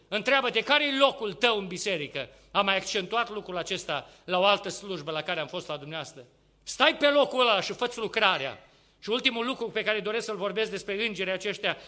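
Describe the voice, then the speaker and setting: High, bright-voiced impassioned male preacher. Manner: impassioned, swings between loud urging and hushed asides; rhetorical questions to the congregation. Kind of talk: sermon.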